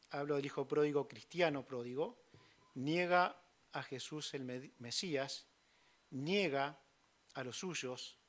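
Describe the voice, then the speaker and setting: A man preaches in a church, his voice sitting a little high for a man. He throws himself into quoted lines with sudden loud bursts, then sinks to soft, almost whispered asides. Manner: swings from loud acted quotes to hushed near-whispers. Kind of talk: sermon.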